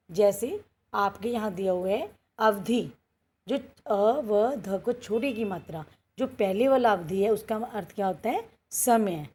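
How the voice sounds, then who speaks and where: Female teacher, slow and husky, reads word lists aloud, answers her own questions. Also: medium pitch, dark tone. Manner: asks questions and answers them herself; reads word pairs one by one. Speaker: school teacher. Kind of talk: Hindi grammar lesson.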